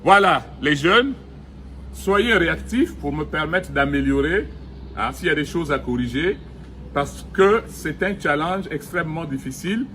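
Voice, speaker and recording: A middle-aged man giving a recorded language lesson outdoors, speaking slowly and deliberately and repeating each vowel and example word. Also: fairly high pitch, lively intonation, a bit bright, slight background noise. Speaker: language teacher. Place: outdoors in the sun.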